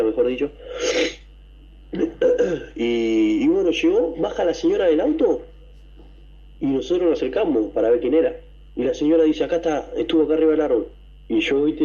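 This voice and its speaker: A man with an Argentine accent, telling a story to a radio show, excited and rambling, with coughs and throat clearing. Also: medium pitch, lo-fi sound. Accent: Argentine Spanish. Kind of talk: casual storytelling.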